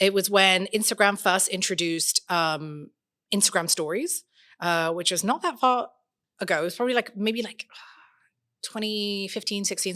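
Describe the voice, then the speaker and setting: A young woman with an English accent, a podcast guest in a lively interview, who sometimes slips into playful put-on accents. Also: mid-range voice. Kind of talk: casual interview chat.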